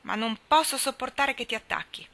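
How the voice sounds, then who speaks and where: A woman reading the part of a loyal, gentle boy who pleads earnestly. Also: on the high side, expressive, fairly quick, vocal fry, pitched above the performer's own voice, heavily acted. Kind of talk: audiobook character reading.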